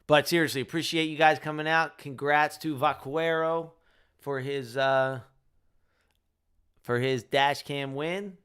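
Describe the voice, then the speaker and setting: A young man with a Delco accent chats with his viewers and tells them he is tired. He rambles and jokes at his own expense. His voice is clear and smooth and sits a little high. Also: steady tone, a little slow, a bit bright. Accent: Delco, Delaware County, Pennsylvania. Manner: rambling, self-deprecating, joking. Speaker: rideshare driver and channel host. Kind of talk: casual chat with live viewers.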